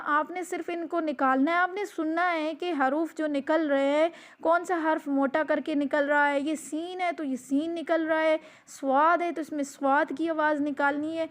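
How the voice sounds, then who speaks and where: High-voiced woman teaching Quran letters. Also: fairly bright tone. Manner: patient, repeats instructions, drawn-out letter demonstrations. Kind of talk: recorded online lesson.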